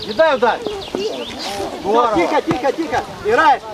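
This youth football coach has a very high, sing-song voice and takes his time as he yells clipped, urgent, repeated directions and player names from the pitch's edge mid-match. The mic sits at a distance, and a noisy crowd is audible. It's outdoors, with windy, loud, rough sound.

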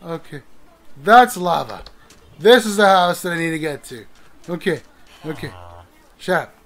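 A woman's voice: lowish voice, expressive, moderate pace. A woman hosting a let's play, narrating her own moves with panicky yelps when chased. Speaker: gaming channel host.

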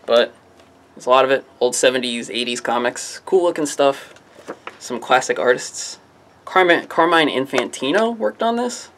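Man, casual shop product rundown, offhand and rambling, self-mocking jokes, lively up-and-down pitch. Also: moderate pace, a little hiss or hum. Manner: rambling, offhand, often trailing into "I don't know"; jokey, self-mocking asides. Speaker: comic shop staff presenting new releases.

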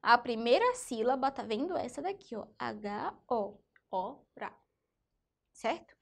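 A woman's voice: fairly high pitch, sing-song, moderate pace, gravelly. A woman teaching a phonics lesson to young children in Brazilian Portuguese. She is patient and keeps asking the class if they follow. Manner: patient, checks in with "tá vendo?" and "certinho?". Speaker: primary school teacher.

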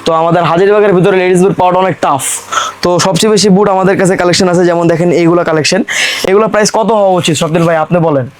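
A Bangladeshi man working as a shop seller, giving a hard-sell pitch in insistent, repetitive patter. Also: fairly even intonation, very fast. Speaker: shop seller presenting products.

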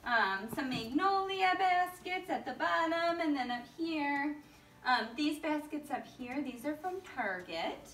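A woman's voice: high-pitched, animated, measured pace, a bit bright. A woman in her thirties giving a casual house tour in a chatty, gushing show-and-tell manner, recorded in a room at some distance from the camera. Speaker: home decor vlogger giving a house tour. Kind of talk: casual home tour narration. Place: living and dining rooms of a house. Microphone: camera a few metres away. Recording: roomy, distant camera mic, music behind.

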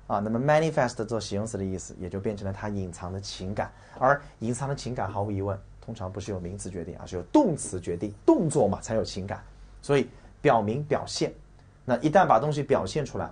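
A brash, blunt male teacher from China, with a husky, fairly low, expressive and slightly mellow voice, leads a recorded exam-prep vocabulary lesson. He swears casually, mocks and rants mid-lesson, and slowly drills spellings and stress, repeating key words.

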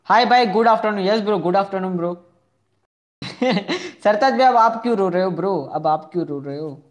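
A man's voice: sits high, moderate pace. A young man hosting a casual live game stream, chatting with viewers, repeating himself and asking for likes. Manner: chatty, answers viewers' chat messages one by one.

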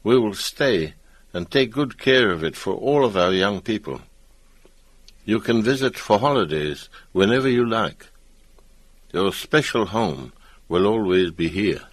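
A man voicing a gruff old island grandfather in a storybook reading. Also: fairly low pitch, expressive, measured pace, dry recording. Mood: calm.

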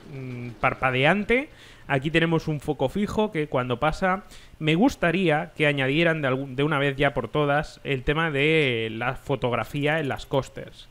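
A man narrates his gameplay in a casual, explanatory way. His voice sits a little high for a man, and he often pauses on fillers and restarts his phrases. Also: a bit bright. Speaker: gameplay commentator.

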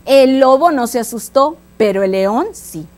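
A woman with a Mexican accent telling a children's story, lively, making sound effects and speaking straight to the listeners. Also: high voice, measured pace. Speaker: storyteller host.

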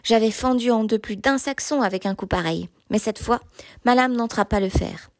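Audiobook narrator: a woman with a slightly high voice, measured first-person delivery, dry recording. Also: darkish tone, dry recording. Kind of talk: audiobook reading of a novel.

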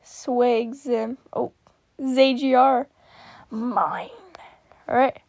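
Excitable high-voiced woman gasping at fan art. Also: very slow, dry recording. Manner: excitable, gasping, giggly, exclaims often. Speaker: vlogger reacting to fan art. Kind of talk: casual reaction commentary.

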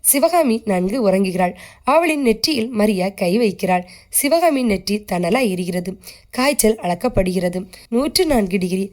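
A woman reading a short story aloud as a steady, scripted narration, keeping the characters close to her own voice. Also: mid-range voice, moderate pace.

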